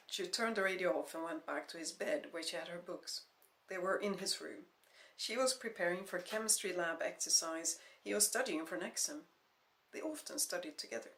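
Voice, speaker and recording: A woman author narrating her own novel in a steady, measured audiobook reading. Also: fairly low pitch, a little hiss or hum. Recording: roomy echo.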